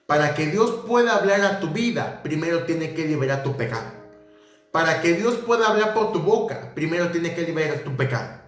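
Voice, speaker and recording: A man's voice: a little high, lively intonation, moderate pace, faint music behind. A man preaching a fervent sermon as pastor, repeating phrases and reading scripture aloud. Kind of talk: livestreamed sermon. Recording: very echoey room.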